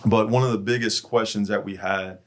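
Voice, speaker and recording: A man's voice: fairly low pitch, fairly even intonation, fairly quick. A middle-aged man hosting a church men's podcast, telling stories in an earnest, heartfelt way. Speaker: podcast host.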